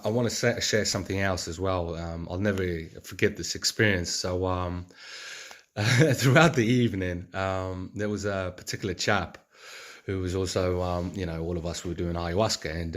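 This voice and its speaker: A man's voice: low-pitched, a bit bright. A man speaking in an earnest, rambling reflective monologue, with many fillers and restarts. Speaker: vlogger.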